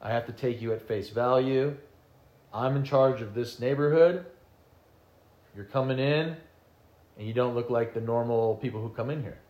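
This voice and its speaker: A man's voice: mid-range voice, normal speed, long pauses, lo-fi sound. Musing man in an echoey room. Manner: musing, trails off and restarts. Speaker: podcast co-host. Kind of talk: casual discussion. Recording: roomy echo.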